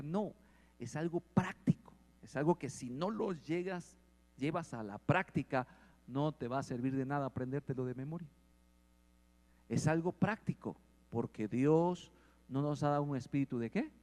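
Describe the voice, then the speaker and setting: A man preaching a sermon, asking the congregation questions and growing louder at points. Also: fairly high pitch. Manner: asks the congregation questions and swells in volume. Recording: long hall reverb.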